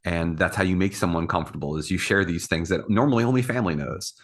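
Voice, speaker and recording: A man chatting casually as a podcast panelist, in a halting, rambling way. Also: deep voice. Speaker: podcast panelist and executive producer. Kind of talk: casual conversational chat.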